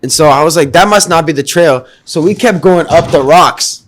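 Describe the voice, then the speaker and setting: A man with a fairly high voice recounts a hike at a moderate pace in a casual chat. His speech is slangy and full of fillers, peppered with "bro" and "you know."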